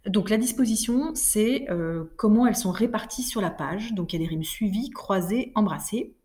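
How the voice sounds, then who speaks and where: A woman teacher explaining poetry to her class, reading lines of verse aloud slowly and patiently. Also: medium pitch, lively intonation, warm tone. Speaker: French teacher. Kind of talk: recorded class lesson.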